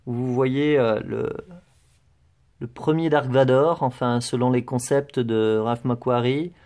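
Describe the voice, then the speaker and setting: A man's voice: mid-range voice, fairly even intonation, takes it slowly, a little mellow. Hesitant French-speaking man touring his collection. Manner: hesitant, many fillers and restarts. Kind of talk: casual show-and-tell narration.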